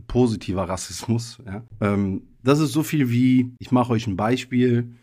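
A man's voice: mid-range voice, a little mellow. Reflective man hosting a podcast. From Germany. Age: 30s. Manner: thoughtful, personal, loose with frequent hedging fillers. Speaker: podcast host. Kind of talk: casual reflective monologue.

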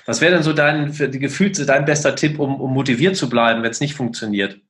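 A man's voice: medium pitch, fairly even intonation, fairly quick, fairly bright tone. A man acting as the interviewer, asking short questions that prompt his guest to go on.

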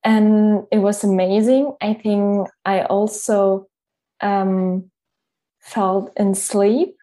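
A woman interviews a guest in English, which is not her first language. She speaks slowly and haltingly and often stops to search for words. Her voice is mellow and soft-edged, at a middling pitch. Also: steady tone.

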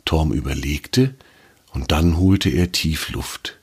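A man reading a children's story aloud in a calm, even storytelling manner. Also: rumbling low, slow pace, breathy edge.

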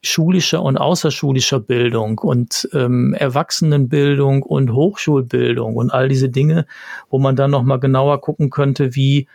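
A man's voice: mid-range voice, fairly even intonation, normal speed, creaky, darkish tone, no room sound, clean studio sound. A man in a conversation, thinking aloud with frequent fillers and restarted sentences. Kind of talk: casual discussion.

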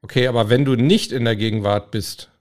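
A man's voice: medium pitch, brisk. A man co-hosting a podcast in casual chat, teasing and joking with his co-host.

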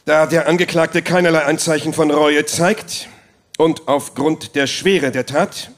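A man's voice: fairly high pitch, steady tone, measured pace. An actor playing a stern male judge formally reading out a sentence. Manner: formal, official.

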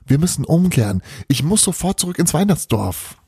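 A man reading a storybook aloud, voicing a young boy who pleads and shouts for his father. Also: fairly high pitch, sing-song, brisk, breathy edge, voice pushed up, exaggerated voice. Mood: urgent, shouting.

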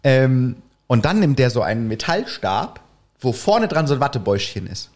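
At a normal speed and in a mid-range voice, a man casually tells a long personal anecdote. He livens it up by voicing the people in the story as he quotes them.

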